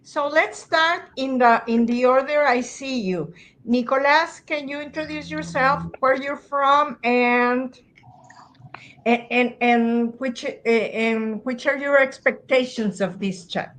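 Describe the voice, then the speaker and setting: Slow, patient older woman moderator. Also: sits high, a bit bright. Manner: patient, instructive, gives directions to the group. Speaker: moderator and teacher. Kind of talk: moderating an online student discussion. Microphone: video call.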